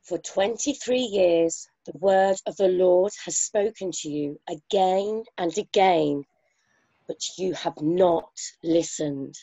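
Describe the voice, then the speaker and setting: A woman's voice: on the low side, takes it slowly, warm tone, no room sound, poor audio. A woman voicing a male army captain who reads out a proclamation in a solemn, declaiming way.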